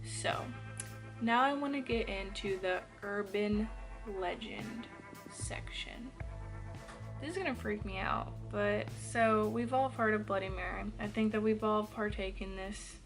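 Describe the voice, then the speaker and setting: A woman's voice: medium pitch, steady tone, measured pace, gravelly, a bit bright, soft background music. A woman vlogger telling creepy stories in a casual, rambling way, full of fillers and swearing, acting out what people said. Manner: chatty, lots of "like" fillers, swears, acts out quotes. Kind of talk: casual storytelling to camera.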